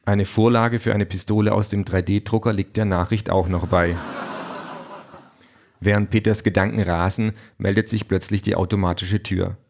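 A man's voice: fairly low pitch, fairly even intonation, normal speed, gravelly, darkish tone. A man narrating an audiobook with a dry, ironic delivery.

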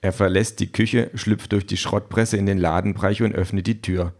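A man's voice: lowish voice, steady tone, moderate pace, a little mellow. A man narrating an audiobook with a dry, ironic delivery.

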